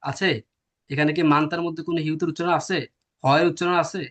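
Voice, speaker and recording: Male teacher, a bit high-pitched, quizzes the class and answers himself. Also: flat delivery, quick pace, a bit bright. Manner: explains step by step, asks and answers his own questions. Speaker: language teacher. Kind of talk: classroom lecture.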